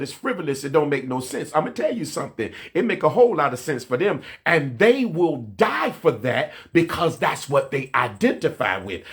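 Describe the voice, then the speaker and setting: A male pastor preaches a sermon over a livestream mic in a fairly high, slightly bright voice. He uses street slang and repeats phrases, drawing on his own life to build his points.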